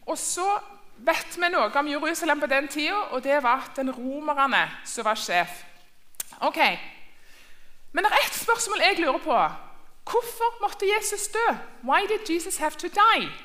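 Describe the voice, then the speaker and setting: A woman's voice: high-pitched, sharp tone. A woman teaching a children's church class, asking questions and repeating herself in two languages. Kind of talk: bilingual Sunday school lesson.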